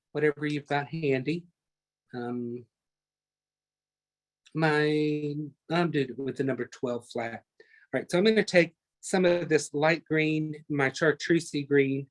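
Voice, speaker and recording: A man teaching a live online painting class, chatty and talking through each step as he works, often correcting himself mid-sentence. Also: a little high. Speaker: painting instructor.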